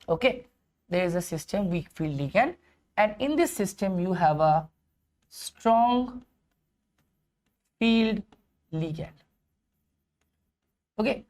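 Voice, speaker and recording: In a mid-range, somewhat mellow voice, a woman with an Indian accent teaches a chemistry lesson. She mixes Hindi into English and keeps repeating phrases and posing rhetorical questions to drive points home.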